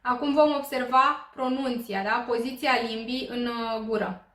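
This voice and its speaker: A woman from Romania leads a beginners' language lesson, patient and explanatory, often pausing on small fillers. Her voice sits slightly high. The sound carries a noticeable room echo. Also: steady tone, fairly bright tone. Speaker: Korean language teacher. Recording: roomy echo.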